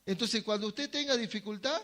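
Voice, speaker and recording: Guy preaching in a church, fairly high voice, keeps asking the crowd questions then answering. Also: a little fast, a bit bright. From Bolivia. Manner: asks the congregation questions and answers them; acts out short quoted voices. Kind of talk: sermon. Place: church hall.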